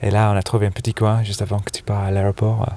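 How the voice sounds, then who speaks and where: A man's voice: on the low side, level tone, racing, dark tone. Englishman speaking French with hesitant fillers. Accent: English with a slight American touch, speaking French. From England. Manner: hesitant, many "euh" fillers, laughs easily. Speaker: interview guest, snowboard shop buyer. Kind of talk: casual interview chat. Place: sofa in a dark exhibition hall.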